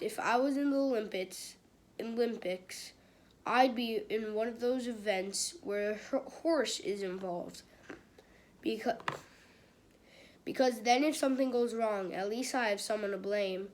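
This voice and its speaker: A woman with a slightly high voice reads a children's book aloud at a slow, unhurried pace. She often stops and restarts her phrases and chats casually with her audience between passages. A faint hiss sits behind her voice. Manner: halting, with many restarts and repeated phrases; chatty asides to a live chat audience. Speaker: read-aloud host. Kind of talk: reading a children's book aloud with chat asides.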